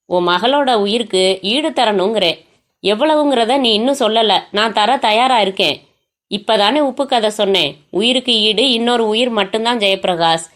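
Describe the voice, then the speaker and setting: A woman's voice: a little high, normal speed, fairly bright tone, lightly acted. Woman reading as a cold, taunting male kidnapper. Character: menacing male kidnapper on a phone line.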